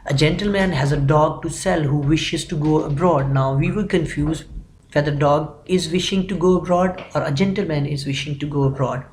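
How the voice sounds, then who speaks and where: A young man delivers a grammar lecture in a methodical, patient way, repeating key phrases as he works through examples. His voice sits a little higher than most men's. A faint background hum runs under the recording. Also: moderate pace, darkish tone, rough recording. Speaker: English grammar teacher.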